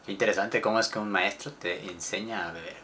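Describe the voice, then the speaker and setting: A man with a Mexican accent, co-hosting a casual podcast chat and teasing with quick interjections. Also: on the low side, steady tone, pushed and bright, slight background noise. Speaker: podcast co-host.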